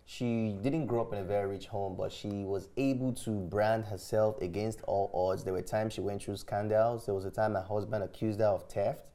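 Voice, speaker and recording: A woman co-hosts a casual panel chat in a very low voice. Her tone is dark and mellow. She talks in a playful, teasing way. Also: steady tone, normal speed, few pauses. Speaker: co-host.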